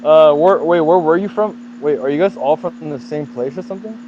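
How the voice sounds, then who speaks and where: A man chatting excitably as a podcast co-host over a voice call, swearing often. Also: fairly high pitch, a little fast, muffled recording, a little hiss or hum. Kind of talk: casual chat. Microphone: online voice call.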